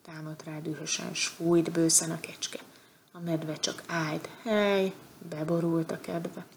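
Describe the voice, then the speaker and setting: Woman reading a children's story, lowish voice, gravelly texture, soft delivery. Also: level tone, slight background noise. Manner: soft, dropping to a whisper in places. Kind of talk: reading a rhymed children's tale.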